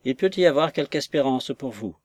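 A man's voice: mid-range voice, animated, brisk, a little mellow, no room sound, clean studio sound, close to an everyday voice. A man voicing a distraught lady's maid, a woman who wails and pities herself in a raised, plaintive voice. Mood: lamenting.

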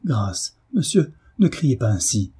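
A man reading a novel aloud and voicing a young wife who answers her husband formally and begs him to calm down. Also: medium pitch, slow, husky, exaggerated voice. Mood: pleading. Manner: formal and pleading. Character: frightened young mother, pleading, dignified.

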